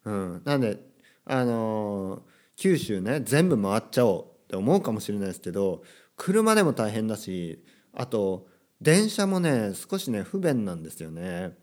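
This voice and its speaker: With a lowish, darkish, sing-song voice at a moderate pace, a man from Kyushu, Japan, hosts a casual solo podcast for language learners. He speaks with a standard accent and keeps it chatty and self-deprecating, with lots of filler asides and rhetorical questions to his audience.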